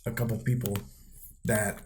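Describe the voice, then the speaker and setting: A man's voice: fairly low pitch, level tone, moderate pace, a little mellow, a little hiss or hum. A man in a casual podcast chat, telling candid stories laced with profanity and acting out what people said. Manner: acts out quoted people mid-story.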